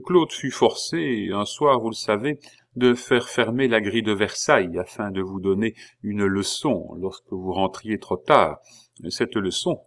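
A man voicing a calm, ironic king in an audiobook reading, humming and drawling before his lines. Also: fairly low pitch. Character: King Louis XVI, calm, dry, ironic middle-aged man.

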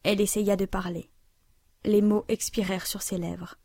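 A woman narrating a classic novel aloud in a measured, even reading style. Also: medium pitch, no echo. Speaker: audiobook narrator.

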